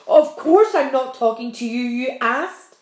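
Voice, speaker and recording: Woman shouting as a rude bossy centipede. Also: sits high, lively intonation, measured pace. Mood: irritated. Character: loud bossy male centipede, quick-tempered. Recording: roomy echo.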